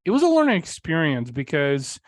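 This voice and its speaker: With a fairly high pitch that swoops wildly, a man talks a little fast in a dry, echo-free recording. In his forties and originally from Bulgaria, he recounts his story as a podcast guest, candid and meandering, heavy on fillers, sometimes swearing.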